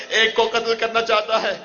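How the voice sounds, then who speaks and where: A man preaches a mourning sermon in a high, bright voice. He tells the story with passion, and the emotion builds as he goes. His words echo through a large hall with a long reverb, captured on a dull, lo-fi recording. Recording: echoey hall, dull lo-fi sound.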